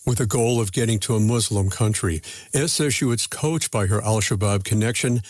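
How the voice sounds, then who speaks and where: A man reporting a radio news feature in measured, deliberate scripted narration. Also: on the low side, a little mellow, dry recording.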